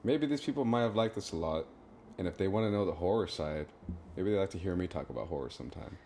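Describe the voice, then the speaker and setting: A man's voice: sits low, animated, fast, dark tone, slight background noise. A man guesting on a podcast, chatting in an easygoing, agreeable way. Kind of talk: casual podcast chat.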